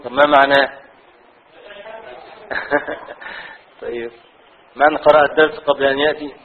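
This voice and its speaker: A man with an Egyptian accent teaching a class on a classical law text. He reads a passage aloud, then explains it slowly with many repetitions. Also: mid-range voice, steady tone. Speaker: religious teacher. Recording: tinny phone-like audio.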